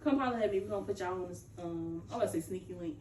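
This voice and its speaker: A woman in her late twenties speaks bluntly and swears freely in relaxed chat. She is heard from a distance in an echoing room over faint background hiss. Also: lowish voice, racing. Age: 20s. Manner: blunt and profane, matter-of-fact. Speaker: guest co-host. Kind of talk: casual chat. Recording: roomy, distant mic with faint noise.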